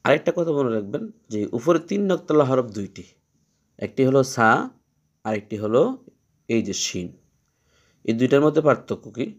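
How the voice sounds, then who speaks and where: Man, Quran reading teacher, patient, repeats letters slowly, mid pitch. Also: animated, a little mellow, muffled recording. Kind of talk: step-by-step letter lesson.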